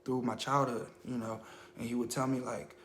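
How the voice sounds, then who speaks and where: A man's voice: mid-range voice, level tone, normal speed, fairly bright tone, echoey room, slight background noise. A man sharing a personal religious testimony on a phone livestream, telling it in a casual, earnest way with many fillers. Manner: earnest storytelling, full of fillers and "I kid you not".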